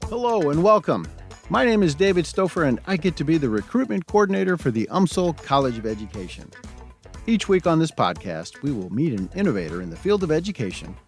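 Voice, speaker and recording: Soft background music plays beneath a slightly high, sing-song male voice speaking fairly quickly. He is a recruitment coordinator hosting an education podcast, reading a scripted introduction before interviewing his guest. His manner is earnest and friendly, with occasional fillers.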